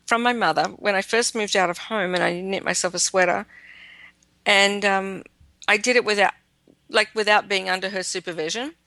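Bright-voiced woman, dry close sound. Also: medium pitch, no room sound. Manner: self-deprecating, laughs often, hesitant fillers. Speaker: magazine editorial director, guest. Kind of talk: casual interview chat.

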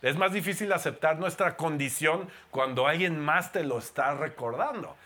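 Pastor with a Mexican accent, playful and chatty in the pulpit, bright and forceful. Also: male voice, on the high side, normal speed. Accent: Mexican Spanish. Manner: playful, joking, conversational. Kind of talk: sermon. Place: church before a congregation.

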